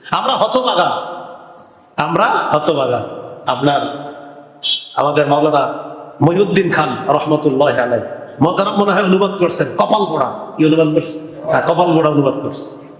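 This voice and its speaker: A fairly high-voiced man preaching a waz sermon in a large hall, its echo hanging long after each phrase. He chants Arabic verses, then explains them in everyday speech, acting out the people in the story. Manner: acts out the people in the story, whispering and urging. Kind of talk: Bangla waz sermon with Quranic recitation. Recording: echoey hall with long reverb.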